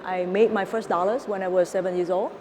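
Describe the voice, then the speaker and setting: A woman in her thirties with a Vietnamese accent gives a prepared stage presentation as a panelist; she is a venture capitalist. Her voice is on the low side, warm and steady in tone, and a little fast. The recording comes from a reverberant hall with clear ambient noise.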